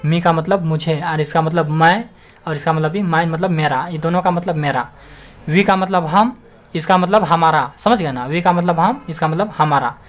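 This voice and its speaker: A man giving an online English grammar lesson, who keeps asking his viewers rhetorical questions and calls them friends. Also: a little high. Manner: keeps addressing listeners as friends.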